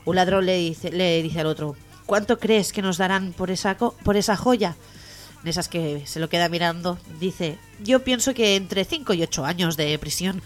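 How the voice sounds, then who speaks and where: A woman co-hosting a radio comedy show, telling jokes in a lively, playful way. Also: fairly low pitch, moderate pace, faint music behind.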